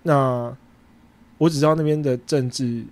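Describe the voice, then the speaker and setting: A man with a Taiwanese Mandarin accent, hosting a podcast and casually retelling a story, acting out bits of dialogue with sudden jumps in pitch. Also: steady tone, measured pace, a little mellow. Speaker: podcast host and food truck owner.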